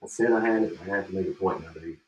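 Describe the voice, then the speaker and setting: Racing along in a deep, slightly rough voice, a male podcast co-host jokes and rambles through casual chat, drifting away mid-thought. The audio sounds dull, and his home mic has an echo.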